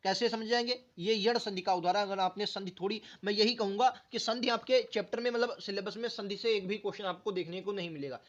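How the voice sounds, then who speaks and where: High-voiced man drilling spelling, lo-fi. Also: fairly even intonation, quick pace, hardly any pauses. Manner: drills words aloud, repeats them syllable by syllable; keeps asking students rhetorical questions. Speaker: teacher. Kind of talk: exam-prep grammar lesson.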